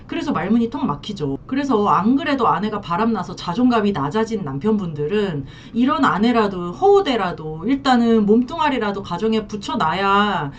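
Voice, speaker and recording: A woman counselor talking through marriage troubles in an emphatic, animated way, her pitch swinging widely. She sits a bit back from the mic, the sound dull and lo-fi with a faint rumble behind. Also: moderate pace, few pauses, far from the mic. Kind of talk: advice monologue.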